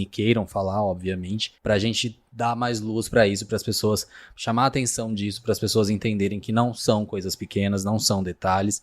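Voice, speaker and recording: A Brazilian man with a somewhat low voice hosts a podcast. He talks in a relaxed, chatty way and leans on filler words as he sets up the topic. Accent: Brazilian Portuguese. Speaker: podcast host. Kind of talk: casual podcast chat.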